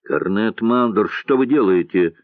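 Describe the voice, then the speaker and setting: An honorable young lieutenant confronts someone with breathless indignation, voiced by a male reader. He speaks slowly, and the sound is thin and dry. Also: fairly low pitch, no room sound, phone-quality sound, lightly acted. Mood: indignant.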